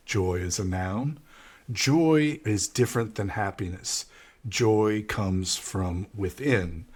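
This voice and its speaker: A man's voice: lowish voice, slightly rough. A man with an American accent teaching English vocabulary, patiently explaining each word and repeating the key ones. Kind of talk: vocabulary lesson.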